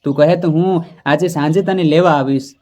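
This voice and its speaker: A man voicing an earnest young husband who is insistent and quick to anger. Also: a little high, darkish tone, close to an everyday voice.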